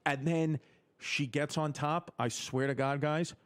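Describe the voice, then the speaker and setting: A man's voice: fairly high pitch, fairly even intonation, unhurried, clear, resonant tone. A young man, a stand-up comedian, telling a crude story in casual podcast chat, rambling and swearing a lot.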